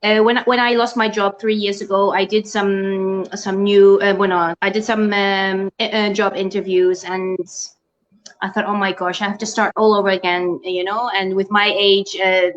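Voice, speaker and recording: A middle-aged Dutch woman, appearing as a guest in an online interview, speaks casually in a mid-range, flat voice at normal speed. She sounds hesitant, restarting often, using many fillers and laughing a lot. The audio is lo-fi.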